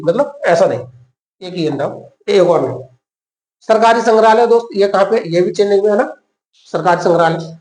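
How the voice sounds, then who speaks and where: A man's voice: high voice, echoey room, poor audio. A male teacher giving an exam-prep lesson, quizzing the listener and answering his own questions with memory tricks.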